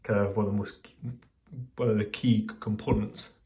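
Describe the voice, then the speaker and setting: A hobbyist vlogger with a fairly low, dark voice gives a casual update, speaking unscripted and conversationally at a moderate pace with a level tone. He meanders and hesitates, often correcting himself mid-sentence.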